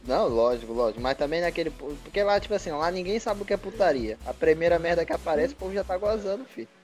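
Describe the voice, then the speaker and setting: A man's voice: a little high, lively intonation, quick pace, a little mellow, faint music behind. A young man giving blunt, cursing opinions during a casual chat. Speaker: guest.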